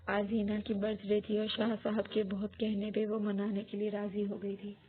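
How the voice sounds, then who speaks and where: Flat-voiced woman narrating a novel. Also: mid-range voice. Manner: steady, even reading. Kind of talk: scripted audiobook narration. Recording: tinny phone-like audio.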